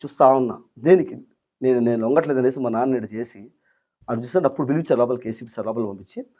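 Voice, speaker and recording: Young guy rattling off his story super fast, agitated, does everyone's voices. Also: mid-range voice, mellow. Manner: acts out quoted voices, rushed and agitated. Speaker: interview guest. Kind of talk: emotional storytelling in an interview.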